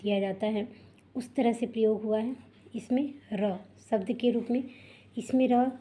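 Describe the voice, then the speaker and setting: Woman teacher, young adult, warm mellow tone, patient and repetitive lesson explainer. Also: a little high. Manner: patient, repetitive explaining with frequent fillers and rhetorical questions. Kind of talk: explaining a school textbook lesson.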